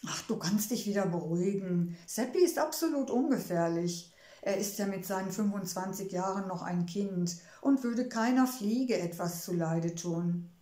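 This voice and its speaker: Storybook gnome wife, read by a woman: kindly, homely, gentle, mellow tone, roomy echo. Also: medium pitch, normal speed, close to an everyday voice. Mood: soothing. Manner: gentle, wistful, soothing. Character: kindly motherly female gnome, homebody.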